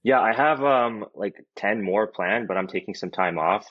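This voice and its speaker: Low-voiced, rambling young man. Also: moderate pace. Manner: laid-back, rambling, full of "like" and "you know". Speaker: guest, pro hockey player. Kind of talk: casual interview chat. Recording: dull, lo-fi audio.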